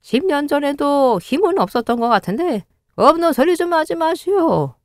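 A woman's voice: high-pitched, very animated, moderate pace, dry recording, clean studio sound, pitched above the performer's own voice. A woman voicing two bickering old male hermits in a cartoon story, huffy and drawn out.

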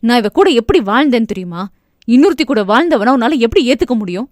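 A woman voicing an angry, grieving adult husband, with a lowered, gruff voice that often shouts. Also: fast talker, no room sound, clean studio sound, close to an everyday voice.

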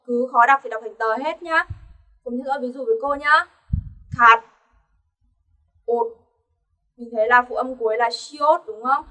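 A woman's voice: a little high, bright, forceful tone, recorded from a distance. A woman teaching an online language lesson, explaining patiently and asking her learners rhetorical questions.

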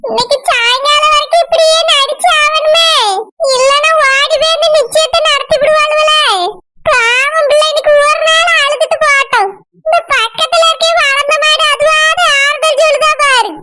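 A woman voicing a scheming village mother who fakes illness, muttering her thoughts slowly in Tirunelveli Tamil for a cartoon. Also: extremely high pitch, fairly even intonation. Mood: scheming, fretful. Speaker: cartoon character. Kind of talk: cartoon inner monologue. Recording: loud background noise.

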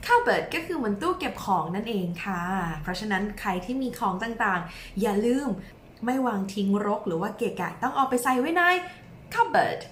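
A woman teaching young children, modelling words slowly for them to repeat and coaxing them along in a sing-song way. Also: mid-range voice, sing-song, roomy sound, a little hiss or hum. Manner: slow, drawn-out modelling of words for repetition. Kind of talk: bilingual children's lesson.

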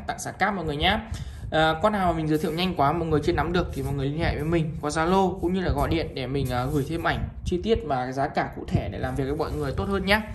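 Northern Vietnamese man giving a sales pitch. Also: a little hiss or hum. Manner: repetitive, item-by-item selling with frequent appeals to viewers. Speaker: phone shop seller. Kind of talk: informal sales pitch, showing products one by one.

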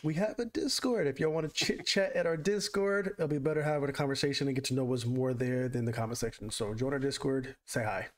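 A man's voice: mid-range voice, brisk, few pauses. A man co-hosting a reaction channel, welcoming viewers in casual, friendly chat.

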